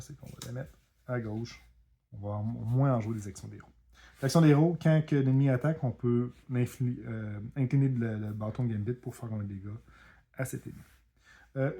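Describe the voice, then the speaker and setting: A man's voice: mid-range voice, warm tone, breathy edge. Québécois man narrating a card game. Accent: Québécois French. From Quebec. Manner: self-deprecating, apologetic, laughs at his own mistakes. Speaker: board game video host. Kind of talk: casual commentary while playing a card game.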